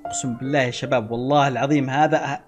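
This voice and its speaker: A young man giving excitable gameplay commentary to his viewers and yelling at other players. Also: medium pitch, rapid-fire, loud music behind the voice. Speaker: gaming channel host. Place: at home playing on a console.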